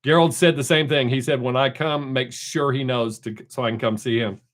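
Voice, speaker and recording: With a mid-range voice, fairly even intonation, and a slightly quick pace, a middle-aged man from the American South chats with viewers on his casual live stream. He rambles, reads chat aloud, and uses a desk microphone.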